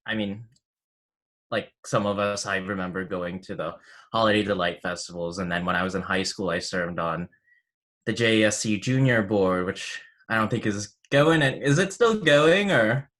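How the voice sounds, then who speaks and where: A man's voice: lowish voice, moderate pace, a bit bright. A man in his twenties, a graduate student, giving a casual acceptance speech over a video call, peppered with "like". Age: 20s. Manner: casual, fluent, many likes. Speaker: graduate student, scholarship recipient.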